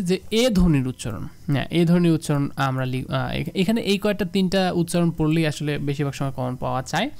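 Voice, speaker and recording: A young man from Bangladesh giving a casual exam-prep lesson, explaining rules step by step and repeating examples slowly. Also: on the high side, gravelly, darkish tone. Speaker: exam tutor.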